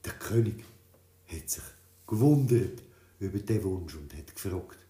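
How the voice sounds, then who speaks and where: Expressive storyteller man. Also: sits low, a little slow. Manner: lively, expressive telling. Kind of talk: children's story reading. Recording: roomy echo.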